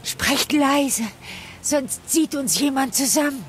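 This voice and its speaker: A woman's voice: sits high, takes it slowly, slight background noise. A female actor playing a bitter, secretive widow in a fantasy video game, with a dramatic delivery. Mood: wary, bitter. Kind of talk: scripted video game dialogue in German dub. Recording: rain and thunder ambience behind.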